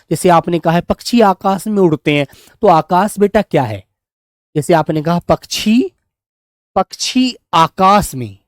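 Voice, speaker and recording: A man teaching an online grammar class, speaking slowly and repeating his points as he coaxes his pupils along. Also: high voice, a little mellow, dry recording, studio quality. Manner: drawn-out, repetitive, coaxing tone toward pupils.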